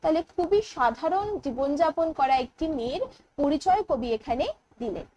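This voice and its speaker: A woman with a Bengali accent teaching an English poetry lesson online, explaining in Bengali mixed with English terms and reading the poem's lines slowly. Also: high voice, lively intonation, noisy background. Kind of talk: online exam-prep lecture.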